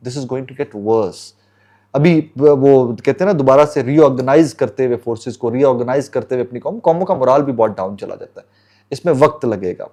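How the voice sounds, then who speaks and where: A man's voice: medium pitch, moderate pace, mellow. A man with a Pakistani Urdu accent giving earnest political commentary straight to his viewers, often slipping English phrases in. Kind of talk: casual commentary to camera.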